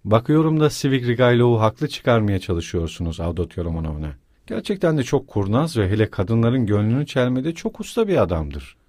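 A man's voice: mid-range voice, very animated, brisk, few pauses, a little mellow, no echo. Man reading a pompous middle-aged suitor, self-important, sententious, dry close sound.

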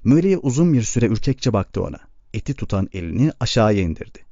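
A man narrating an audiobook in a steady, measured storytelling manner. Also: lowish voice, no echo, highs cut off.

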